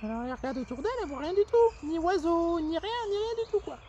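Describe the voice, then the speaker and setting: A woman's voice: very high voice, expressive, fast, lo-fi sound, very noisy. A woman voicing a cheerful young male squirrel who tells a children's story in a chatty way, full of fillers. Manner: chatty, uses many fillers.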